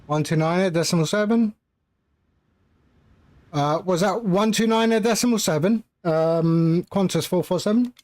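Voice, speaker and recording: A man's voice: high-pitched, moderate pace, a little mellow. A man streaming a flight simulator as a pilot, casually talking himself through procedures and making radio calls. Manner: talks himself through steps.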